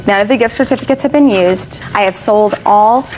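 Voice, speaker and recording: A woman's voice: medium pitch, fairly quick, a little mellow, poor audio. Woman plaintiff testifying, faint background noise. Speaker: plaintiff in TV court. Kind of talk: formal courtroom testimony.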